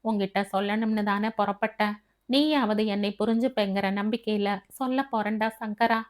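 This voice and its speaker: A woman's voice: medium pitch, fairly even intonation, moderate pace, lightly acted. A woman voicing a frank, hurt young woman, an elder sister, who speaks bluntly and defiantly in an audiobook. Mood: pleading. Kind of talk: audiobook character reading.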